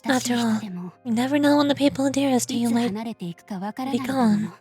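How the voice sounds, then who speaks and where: A wistful, soft-spoken widow in a video game, voiced by a woman. The high voice is tender and romantic, with music faintly behind it. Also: fairly even intonation, normal speed, slightly rough. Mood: sorrowful. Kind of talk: video game character voice acting.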